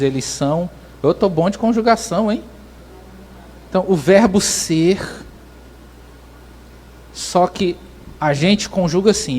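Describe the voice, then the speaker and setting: A man preaches a sermon, explaining points step by step and often restarting mid-phrase. His voice sits high for a man. He talks slowly and deliberately. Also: darkish tone. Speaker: pastor.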